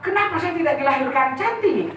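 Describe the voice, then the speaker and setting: A middle-aged woman tells a personal story with lively, expressive turns and often speaks straight to her listener. Her voice sits a little high. The mic picks her up from a distance in a very echoey room, with faint noise behind. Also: quick pace. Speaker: author and speaker.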